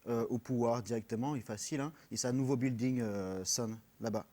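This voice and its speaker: A man from France with a French accent, guesting as a personal trainer on a radio interview, earnest and halting, with many fillers and English words mixed in. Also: mid-range voice, mellow.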